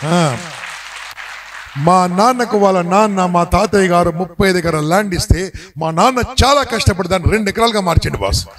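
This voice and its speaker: A man's voice: high-pitched, quick pace, some chatter behind. A middle-aged man giving a motivational speech to a live audience, telling stories and prodding listeners with questions. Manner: animated storyteller, prods the audience with questions. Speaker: motivational speaker.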